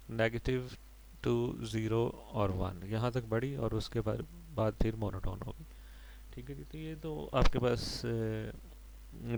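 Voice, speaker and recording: Male maths lecturer, mid-pitched, patient step-by-step explanation, faint hum behind. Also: creaky, a little mellow, rough recording. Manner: explains step by step, mixing English terms and often adding "ठीक है जी".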